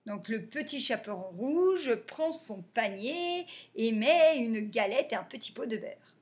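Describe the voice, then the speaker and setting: A woman teacher giving a reading lesson to young children, sounding out letters and syllables slowly and clearly. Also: on the high side, lively intonation, a little mellow. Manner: slow, over-articulated sounding out of letters.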